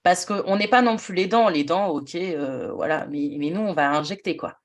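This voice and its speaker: A former nurse now hosting a podcast talks things through reflectively, thinking aloud and restarting often. Her voice is lowish and her pace moderate.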